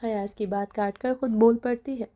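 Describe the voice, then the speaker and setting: A woman reading a romantic novel aloud as narrator, in a steady, expressive storytelling style. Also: fairly high pitch. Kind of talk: scripted narration.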